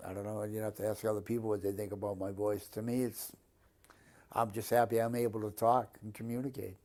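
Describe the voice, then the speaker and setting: Mellow Boston man in his fifties. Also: on the low side, flat delivery, fairly quick. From Boston area, Massachusetts, USA. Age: 50s. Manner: blunt, plain-spoken, given to swearing. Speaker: interviewee. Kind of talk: casual chat.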